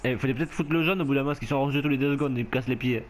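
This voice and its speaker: Male gamer narrating rugby gameplay, easily worked up, mid-pitched voice, faint noise behind. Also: very fast. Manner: excitable, shouts and laughs at the game. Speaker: gameplay commentator. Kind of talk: casual rugby video game commentary.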